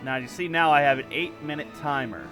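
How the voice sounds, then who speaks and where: A man's voice: a little high, fairly quick, pushed and bright, soft background music. A man giving casual walkthrough commentary on a video game. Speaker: gamer making a walkthrough.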